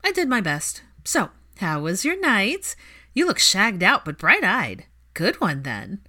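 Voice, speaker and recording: Woman doing a loud bossy young woman, pitched up high, teasing, swooping and lively. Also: slow, full character voice. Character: brash teasing young woman, bold friend.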